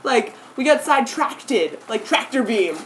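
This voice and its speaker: Young woman, animated and giggly storyteller, keeps losing her thread; filmed indoors on camera among friends. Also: fairly high pitch, a little slow, a little hiss or hum, poor audio. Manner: giggly, easily sidetracked, lots of "like" and "anyways". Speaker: vlogger. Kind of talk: casual rambling story to a friend.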